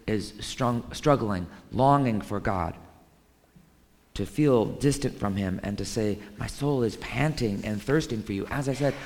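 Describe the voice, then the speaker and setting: A man's voice: medium pitch, long reverb tail. A male pastor giving a conversational sermon, with frequent fillers and restarts.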